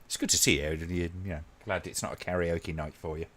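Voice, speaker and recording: Speaking at a fairly quick clip in a low-pitched voice, a man runs a laid-back watch-along stream. His talk with the chat wanders comfortably and is full of ums.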